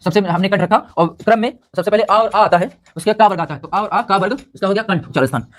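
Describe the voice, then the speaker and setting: A man's voice: high voice, fast, fairly bright tone, soft background music. A man teaching a grammar lesson, who keeps asking the listener questions and then answers them himself, repeating each term several times. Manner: quizzes the listener then answers himself, drilling terms by repetition. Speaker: Hindi teacher.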